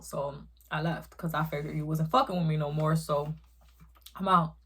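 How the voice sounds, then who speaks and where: Animated young New woman telling a story. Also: low-pitched, normal speed, husky. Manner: animated, profane, emphatic storytelling. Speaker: vlogger. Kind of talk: casual storytime while eating.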